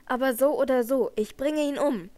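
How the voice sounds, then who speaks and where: A woman reading the part of a jealous, enraged young nobleman with grim, forceful outbursts. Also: sits high, normal speed, no room sound, close to an everyday voice. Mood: grim fury.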